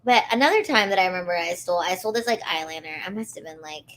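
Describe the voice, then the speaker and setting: Casting: woman, bright forward tone with a swallowed, little-person quality, casual animated storyteller. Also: fairly low pitch, rapid-fire. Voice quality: swallowed, small-sounding voice. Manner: animated storytelling, quoting herself and others. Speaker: talk show guest. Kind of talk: casual chat.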